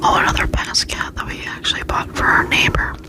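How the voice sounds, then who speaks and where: A woman softly whispering a casual ASMR chat with tingly mouth articulation, often slowly repeating words. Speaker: ASMR video creator.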